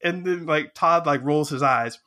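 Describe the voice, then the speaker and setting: The guest in this relaxed interview is animated as he tells his story, imitating the people in it with sudden jumps in pitch. His excitement comes out in fast bursts.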